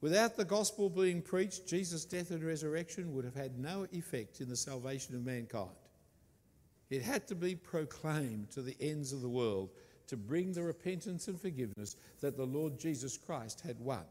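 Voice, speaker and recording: A man's voice: a little high, lively intonation, darkish tone. Emphatic male preacher in a reverberant hall. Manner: emphatic, repeats key words deliberately. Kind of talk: sermon.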